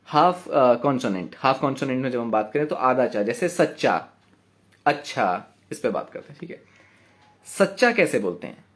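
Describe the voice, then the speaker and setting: A man teaching a poetry writing class, patiently repeating words slowly to count their syllables and checking in with his students. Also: mid-range voice, expressive. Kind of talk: online class lecture.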